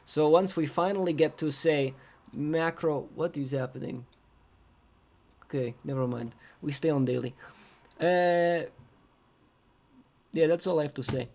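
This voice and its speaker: A man's voice: fairly high pitch, measured pace, vocal fry, long pauses, darkish tone. A man putting on an as a clipped trading analyst who drops his articles and keeps asking "right?". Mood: lecturing.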